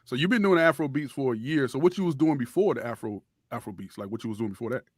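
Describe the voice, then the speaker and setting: A man hosting a casual radio interview, easygoing and slangy, quick to react to his guest. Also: medium pitch, lively intonation, dry recording, clean studio sound. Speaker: host.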